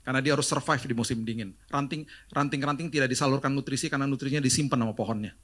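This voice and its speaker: A middle-aged man from Indonesia delivers a sermon. He preaches in a lively storytelling way, acting out the voices of the people in his stories and mixing in jokes. His voice sits at an ordinary pitch for a man. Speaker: pastor.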